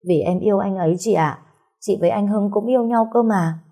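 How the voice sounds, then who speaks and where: A woman's voice: mid-range voice, a little fast, mellow, natural voice. A woman voicing a desperate young wife and mother who begs tearfully, in a storybook reading. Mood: pleading. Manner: tearful begging. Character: desperate young pregnant-mother daughter, pleading.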